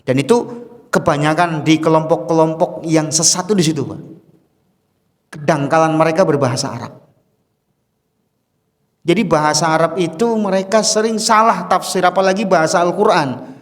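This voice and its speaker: A man's voice: on the high side, moderate pace, pauses often. A man teaching a casual study lecture to a congregation, chatty and asking his listeners questions. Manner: chatty, asks the audience questions, chuckles often. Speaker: religious teacher. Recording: long hall reverb.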